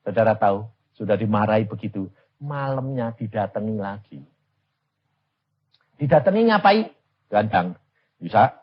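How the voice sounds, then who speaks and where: Seorang pengkhotbah pria berlogat Jawa menyampaikan khotbah penuh cerita, lucu dan hidup, dengan nada yang naik turun tajam. Suaranya agak serak, dan rekamannya terdengar redup dan lo-fi. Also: male voice, lowish voice, normal speed, pauses often. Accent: Javanese-influenced Indonesian. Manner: animated, humorous testimony with acted dialogue. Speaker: evangelist preacher. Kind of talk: storytelling sermon.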